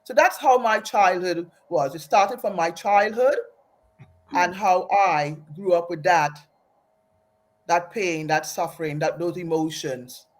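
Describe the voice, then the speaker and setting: In a lowish voice at a measured pace, a woman from Aruba who was raised in Trinidad speaks as an interview guest about her personal life. She comes across as earnest and reflective and often restarts what she's saying.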